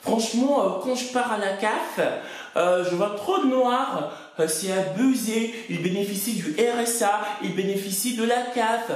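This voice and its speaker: A West African man performs a stand-up comedy monologue in a high-pitched voice at a moderate pace, sounding indignant and mocking as he draws out punchlines. The room is very echoey, with faint music in the background.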